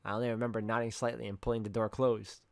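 A man's voice: fairly low pitch, little pitch movement, fast, gravelly, darkish tone. A man reading first-person story narration aloud from a visual novel. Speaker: reader of a visual novel playthrough.

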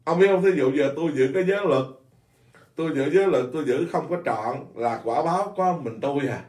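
A man's voice: fairly high pitch, fairly quick, reverberant, distant mic. A man, a Buddhist monk, giving an informal dharma talk in a blunt, scolding way, repeating himself often. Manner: blunt, scolding, animated with many repetitions.

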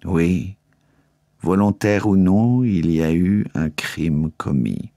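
A man's voice: no echo, studio quality. A man doing a grave dying king. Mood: grave, hushed. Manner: low, slow, hushed and grave.

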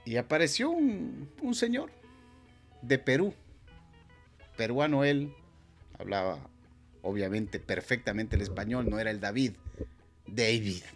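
A man casually telling a personal story on a stream, acting out the dialogue with lively voices. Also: mid-range voice, measured pace, pauses often, soft background music. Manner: animated, acts out dialogue with voices.

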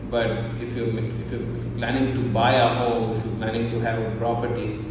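A man with an Indian accent delivers informal market commentary in a level, little-varying voice. He is halting, often repeating a phrase as he works out his point. He sounds distant from the microphone in a strongly reverberant office, with clear background noise. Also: medium pitch. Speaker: real estate agent presenting a market update. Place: small office indoors. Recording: very echoey room, distant mic, background noise.

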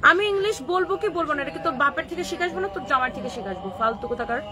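A woman's voice: high-pitched, expressive, very fast, a crowd in the background. A woman with a Kishoreganj Bengali accent from Bangladesh, scolding viewer comments on a live stream and mixing English words into her Bengali. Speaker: clothing shop owner hosting a live stream.

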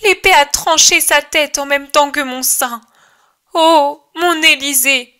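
A woman's voice: very high-pitched, slow pace, sharp tone, voice pushed up, full character voice. A woman reader voicing a grieving mother who cries out in despair over her lost children, in a shrieking, sobbing outcry for an audiobook. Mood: anguished wailing. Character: grieving bereaved young mother, wailing in despair.

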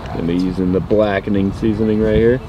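Young male vlog host, relaxed upbeat banter, outdoor night shoot, steady background noise. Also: lowish voice, fast talker, lo-fi sound. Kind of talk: casual outdoor cooking chat. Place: outdoors at night on an island campsite.

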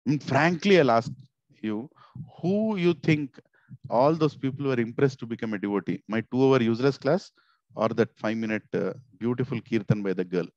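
A middle-aged man with a South Indian accent giving an informal devotional sermon, animated and repetitive, asking rhetorical questions into a headset mic. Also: mid-range voice, normal speed, dry recording. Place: small indoor office. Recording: slightly dull, lo-fi headset audio.

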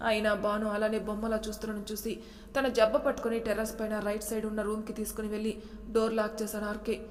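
Flat-voiced woman narrating a story. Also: medium pitch, fast talker. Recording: long echoing reverb.

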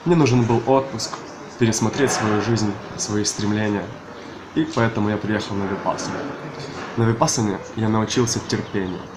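A man in his twenties from Ukraine speaks calmly and in order to a camera outside a building. His voice sits a little low. Outdoor ambience is clearly heard around him. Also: moderate pace, background noise. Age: 20s. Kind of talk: short testimonial to camera. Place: outdoors by a building's glass doors.

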